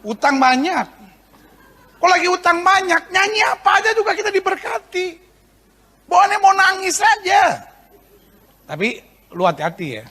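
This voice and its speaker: High, sharp-voiced male pastor preaching. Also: big pitch swings, normal speed, pauses often. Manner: joking asides that build to fervent shouting. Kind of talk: sermon.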